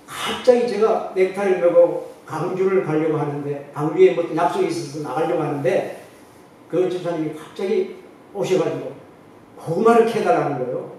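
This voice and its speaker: A man's voice: high voice, dark tone. A middle-aged man, a pastor, telling a story in his sermon and acting out the voices of the people in it. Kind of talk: sermon testimony. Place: church sanctuary. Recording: very echoey hall, distant mic, faint noise.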